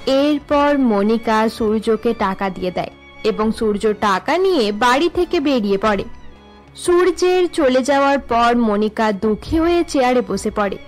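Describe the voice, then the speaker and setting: A woman tells a cartoon story in scripted, even narration, her voice sitting high with soft music behind it. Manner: even, measured telling.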